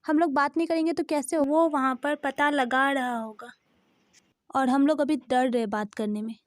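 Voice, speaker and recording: A woman's voice: sits high, steady tone, normal speed, no room sound, clean studio sound, lightly acted. A woman voicing a bossy, impatient young male friend in a storybook-style fan dub, in a scolding, pushy manner.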